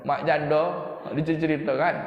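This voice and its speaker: A man preaching a lively sermon, questioning his congregation. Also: a little high, normal speed, creaky, highs cut off. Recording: echoey hall.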